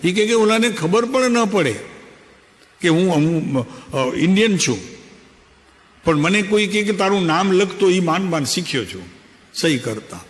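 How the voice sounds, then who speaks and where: A man's voice: high-pitched, lively intonation, unhurried. An older man, a spiritual teacher giving a conversational, anecdotal discourse and putting questions to his listeners. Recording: long hall reverb.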